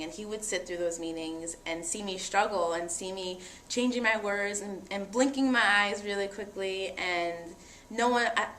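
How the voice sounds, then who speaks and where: In an echoey room with faint noise, a young woman being interviewed speaks earnestly and reflectively about herself. Her voice is fairly low and fairly bright, and she's giving personal testimony in conversation.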